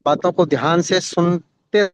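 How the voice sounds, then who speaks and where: A man's voice: high voice, steady tone, measured pace, no room sound. A man leading a motivational business meeting, coaching his listeners in a reflective tone. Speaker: business team leader. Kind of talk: motivational group talk. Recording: dry, dull lo-fi sound.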